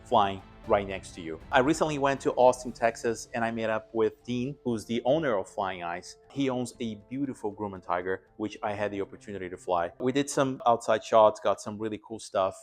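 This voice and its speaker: Soft music plays as a pilot hosting an aviation vlog talks a little fast with few pauses, in a voice on the low side. He explains his gear conversationally, speaking to camera.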